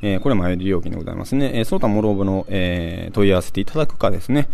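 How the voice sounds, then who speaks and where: A man with a Kansai accent hosting a casual radio segment, chatting through event listings with lots of filler pauses and asides to himself. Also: deep voice, lively intonation, vocal fry, warm tone. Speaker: host.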